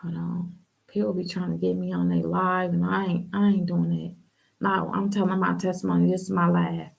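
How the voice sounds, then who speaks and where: A woman's voice: on the low side, level tone, normal speed, gravelly. A young woman from Ohio telling her personal testimony in a candid, casual way, full of slang and fillers.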